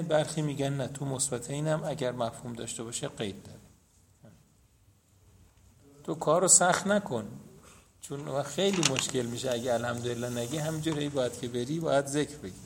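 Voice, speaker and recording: This hadith lesson comes from a man whose creaky voice sits in the mid range, with slight background noise present. Teaching a seminary class, he recites the Arabic chains of narrators and walks his students through each one step by step.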